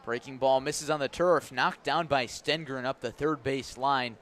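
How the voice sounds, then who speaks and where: Speaking at a measured pace with fairly even intonation, a man with a mid-range, fairly bright voice calls baseball play-by-play live on the radio. He describes the game, raises his voice on key plays, and is recorded outdoors at a ballpark with ambient noise behind him.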